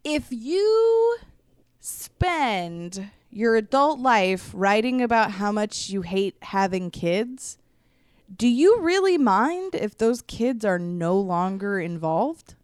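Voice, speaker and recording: A woman's voice: mid-range voice, sing-song, slow pace, clear, resonant tone, dry recording, studio quality. A young woman co-hosting a podcast, hesitant and repeating herself as she raises a question. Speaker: podcast co-host. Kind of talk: casual chat.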